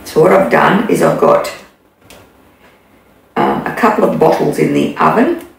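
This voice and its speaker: Older aussie lady showing a recipe in her kitchen, bit gravelly, echoey room. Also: sits low, wildly swooping pitch. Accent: Australian. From Australia. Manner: chatty, unhurried, many ums and restarts. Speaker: cooking demonstrator. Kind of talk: casual cooking demo. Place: home kitchen, indoors. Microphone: camera in front, mid distance. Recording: echoey kitchen, faint background noise.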